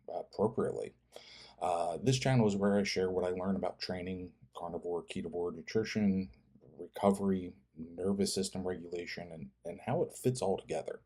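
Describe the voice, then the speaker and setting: A man in his fifties talking to viewers in a personal vlog, earnest and halting, often restarting his words. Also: deep voice, warm tone. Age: 50s. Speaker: fitness channel creator and host.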